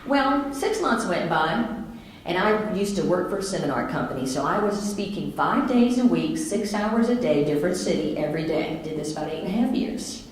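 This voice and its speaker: A woman's voice: lowish voice, moderate pace. Middle-aged woman, motivational speaker, chatty storytelling, very echoey hall. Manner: lively, conversational, animated. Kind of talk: storytelling keynote talk.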